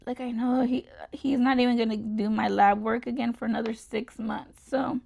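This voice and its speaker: Young female vlogger, chatty and rambling, with a gravelly, fry-heavy voice pitched a little high. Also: normal speed, highs cut off. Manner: rambling and animated, full of "like" and "you know". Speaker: beauty vlogger. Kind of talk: chatty get-ready-with-me vlog. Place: home.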